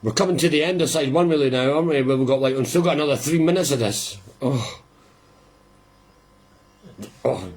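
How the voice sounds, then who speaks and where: A man hosting a live listening party, chatting casually and rambling with quiet amusement as the record plays. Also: mid-range voice, moderate pace, long pauses.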